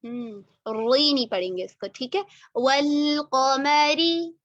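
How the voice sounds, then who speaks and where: A woman with a high voice teaches Quran recitation in an online lesson, modelling each word with long, unhurried care. Between drills she corrects pronunciation and praises quickly. The sound is dry and slightly muffled, like a call recording. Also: expressive, no room sound. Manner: models verses slowly, corrects and praises briskly.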